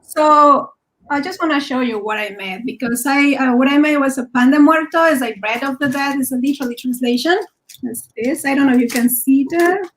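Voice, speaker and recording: A woman from Mexico City with a Mexican Spanish accent, a Spanish native speaker, talking about her cooking in a halting way with many fillers. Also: high-pitched, fairly bright tone, rough recording. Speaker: home cook guest. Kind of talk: casual show-and-tell talk.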